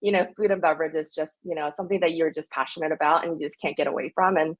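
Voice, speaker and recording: Speaking at a racing clip in a low voice with fairly even intonation, a woman in her thirties who was born in Korea chats upbeat and eagerly as a restaurant owner guesting on a casual podcast interview.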